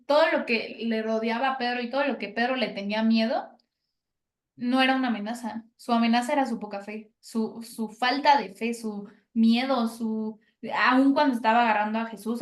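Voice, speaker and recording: A woman reflecting on scripture in a church discussion, often checking in with a questioning tag, over a video call. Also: a little high. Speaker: discussion participant. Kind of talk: Bible teaching discussion. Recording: roomy echo.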